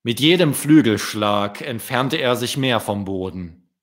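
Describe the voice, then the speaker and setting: A man, a children's book author, reading his story aloud in a deliberate storytelling manner. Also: mid-range voice, animated.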